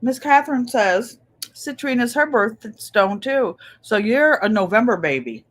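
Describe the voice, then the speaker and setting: A woman's voice: on the high side, expressive, unhurried. An older woman hosting a craft livestream, chatting casually and reading viewer comments aloud, with an easy laugh. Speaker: craft channel host on a livestream.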